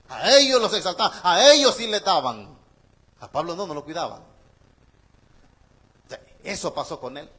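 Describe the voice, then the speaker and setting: A male pastor delivers an animated sermon. His voice sits high and sounds bright and forceful. He keeps turning to the congregation with rhetorical questions. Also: slightly rough.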